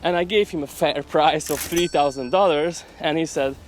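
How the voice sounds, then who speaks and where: A man's voice: a little high, moderate pace, a little hiss or hum. A man talking casually to camera in a vlog while walking outdoors, in an upbeat, salesy, chatty way. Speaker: vlogger.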